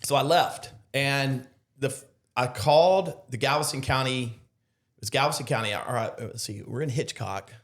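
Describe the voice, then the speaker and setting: A man's voice: medium pitch, moderate pace. A middle-aged man, a podcast guest telling a story casually, acting out quotes with lots of fillers. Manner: animated storyteller, acts out quotes, many fillers. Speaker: podcast guest, loan officer.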